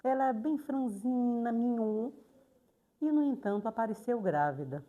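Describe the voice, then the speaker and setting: An older woman, a retired teacher slowly and reflectively recounting memories in a documentary interview, pausing often. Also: on the high side, animated, mellow. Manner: slow, reflective, pauses often on "é".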